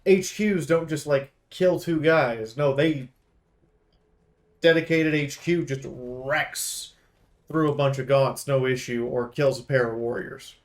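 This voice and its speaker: Speaking slowly in a medium-pitched voice, a video game reviewer rambles through loose, unscripted commentary. He's lively and full of opinions, tossing in casual slang.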